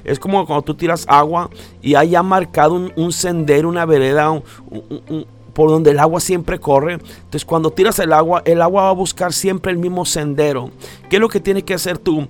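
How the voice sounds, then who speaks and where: A man delivers a motivational talk, speaking straight to the listener. He repeats key phrases for emphasis, in a voice pitched a little high. Soft music plays faintly underneath. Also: steady tone, moderate pace.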